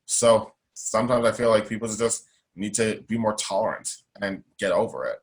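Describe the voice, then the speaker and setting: A self-advocate guest in an interview, this young man talks at a moderate pace in a fairly low voice. His strong delivery is emphatic and outspoken, with frequent repetition.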